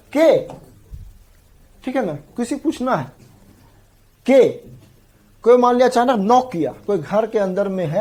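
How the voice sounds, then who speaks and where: Husky guy teaching grammar for an exam, says every word three times, keeps asking "got it?". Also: high voice, darkish tone. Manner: repeats terms drill-style, often checks in with the class. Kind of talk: exam-prep grammar lecture.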